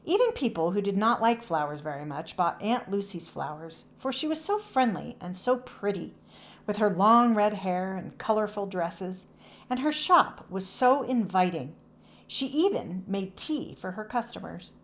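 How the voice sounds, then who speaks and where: Reading a children's storybook aloud, a woman narrates at a moderate pace in a medium register. Her pitch rises and falls in a lively way throughout.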